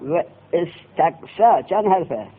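A man teaching a classroom grammar lesson, quizzing his students with quick questions. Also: a little high, expressive, husky. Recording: tinny lo-fi classroom recording.

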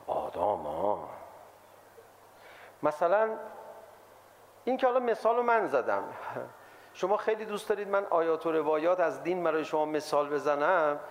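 A man giving a lively sermon to an audience, acting out the voices of people he quotes. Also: a little high, slight background noise. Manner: animated, acts out quoted voices. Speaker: religious lecturer.

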